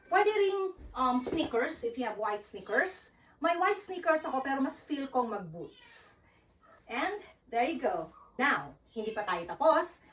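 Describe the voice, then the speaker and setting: A woman with a Filipino accent hosting a casual fashion vlog, chatty and animated while she dresses and styles an outfit. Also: a little high, reverberant, far from the mic, low-quality recording. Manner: chatty, Taglish code-switching, animated. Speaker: fashion vlogger.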